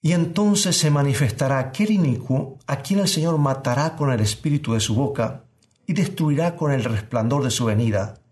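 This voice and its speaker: A male preacher delivers a sermon in an earnest voice of middling pitch. He presses his listeners with rhetorical questions. He slows down to read scripture deliberately. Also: darkish tone. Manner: reads scripture slowly and deliberately.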